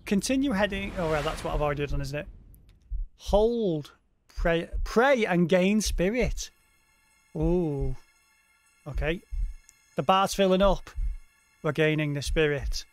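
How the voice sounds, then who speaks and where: A man's voice: a little high, lively intonation, unhurried, pauses often, no room sound. A man hosting a let's play, commenting casually on the game with wry, offhand asides. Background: game music.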